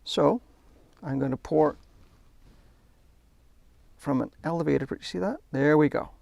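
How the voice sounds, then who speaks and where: A man's voice: a little high, a little slow, vocal fry, a little mellow, no room sound. A man demonstrating a hands-on hobby technique, chatty and enthusiastic as he narrates while working. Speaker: hobby instructor. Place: workshop.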